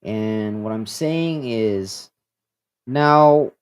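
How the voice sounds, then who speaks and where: A man's voice: on the low side, drawn-out words, clear, resonant tone. An older man, co-hosting a casual livestream chat, emphatic and blunt, often restarting and repeating his point. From Philippines. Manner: emphatic, repeats himself, blunt with mild swearing. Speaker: co-host.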